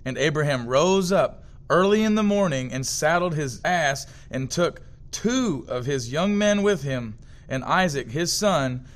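A man reading a long scripture passage aloud in a steady, measured way. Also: a little high. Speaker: scripture reader.

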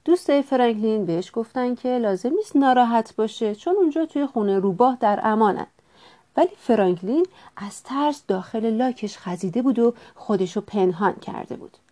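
Woman reading a children's storybook. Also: a little high. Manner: gentle, expressive narration.

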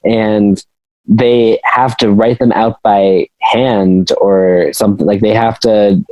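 A man's voice: lowish voice, fairly even intonation, slow pace, a little mellow, dry recording, lo-fi sound. A man hosting a casual podcast chat, asking questions and laughing easily, explaining things at length. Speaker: podcast host.

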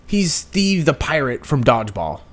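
Giggly woman co-host, casual chat, reads headlines aloud, pitch swinging freely. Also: big pitch swings, moderate pace. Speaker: podcast co-host.

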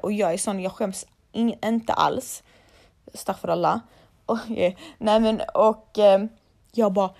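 A woman's voice: mid-range voice, darkish tone. A young woman, a laser hair removal technician, chatting casually and bluntly to her followers and swearing freely.

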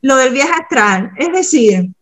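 A woman from Cuba chatting as a podcast guest, talking through her daily habits and often slowing down to explain them. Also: high voice, expressive, fairly bright tone. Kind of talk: casual podcast chat.

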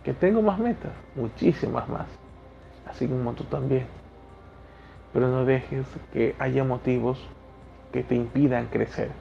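A man's voice: mid-range voice, measured pace, gravelly, pauses often. A man in his thirties from Ecuador with an Ecuadorian Spanish accent, hosting a motivational solo podcast and speaking bluntly and preachily straight to the listener. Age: 30s. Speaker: podcast host. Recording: dull lo-fi sound with faint music.

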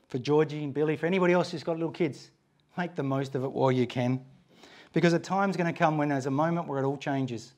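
A man in his forties giving an informal church talk, telling funny family stories and acting out the voices of the people in them. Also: medium pitch. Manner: animated storytelling, acting out quoted voices. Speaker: guest speaker at a church. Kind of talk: informal sermon with humorous anecdotes.

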